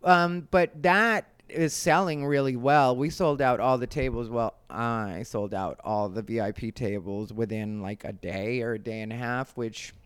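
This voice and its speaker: A comedian and show host from Arizona in the United States chats casually in a solo vlog, rambling and conversational with emphatic moments. His medium-pitched voice moves a little slowly with hardly any pauses. The tone is clean, with no echo.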